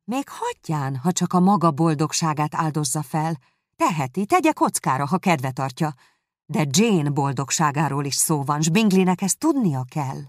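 A woman reading a novel aloud as narrator, calm and measured, close to the mic. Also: sits low, no echo. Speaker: audiobook reader. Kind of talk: scripted narration.

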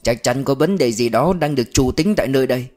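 A man's voice: medium pitch, lively intonation, darkish tone, faint music behind, lightly acted. A man doing a thin, gloomy older official. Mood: somber. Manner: slow, sad, measured.

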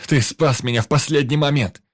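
A man's voice: lowish voice, measured pace, dry recording, clean studio sound, voice pushed up. A man voicing a terrified young man who pleads and shrieks hysterically, out of breath. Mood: agitated.

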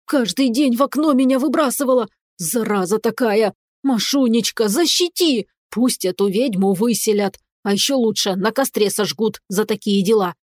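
A woman voicing a hysterical talking tomcat uncle who wails and pleads in a slow, high, drawn-out voice. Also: a little mellow, no room sound, clean studio sound, close to an everyday voice. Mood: whining.

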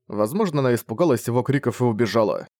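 A male narrator reading a dark fantasy audiobook in a steady, measured voice. His pitch sits in the middle range for a man, and his delivery is calm and unhurried. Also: no room sound, studio quality. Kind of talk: scripted narration.

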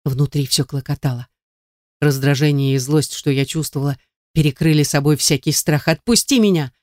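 A narrator reading a first-person novel in a steady, even way. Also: mid-range voice, normal speed, no room sound, studio quality. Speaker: audiobook narrator.

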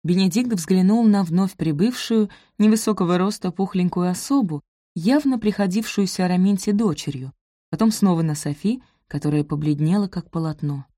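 A woman narrating a novel aloud for an audiobook, reading expressively and shifting into each character's voice. Her voice sits on the low side. The recording is dry and close, with no room sound. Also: moderate pace, dark tone, no echo.

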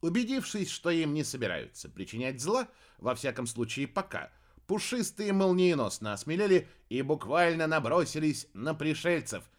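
A man narrating a children's fantasy audiobook. His delivery is expressive and animated, with a lively, swinging pitch. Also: moderate pace. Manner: expressive storytelling. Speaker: audiobook reader. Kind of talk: scripted narration.

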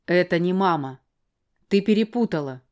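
A woman's voice: on the low side, lively intonation, takes it slowly, a little mellow. A woman voicing a stern, angry father who barks curt orders in an audiobook. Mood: harsh. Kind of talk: audiobook character voice.

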